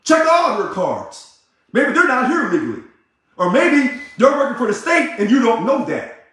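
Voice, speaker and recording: A man, an ousted union leader, delivering a combative, sarcastic ranting monologue that repeats itself and bursts into shouting. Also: very high voice, sing-song, normal speed. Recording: very echoey room.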